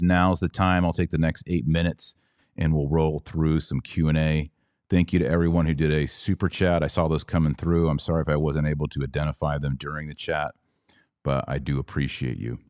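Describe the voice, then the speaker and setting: This religious podcast host talks to his online audience in a casual, teaching manner, speaking straight to them. His voice is low and a little mellow, captured as a dry, clean studio recording.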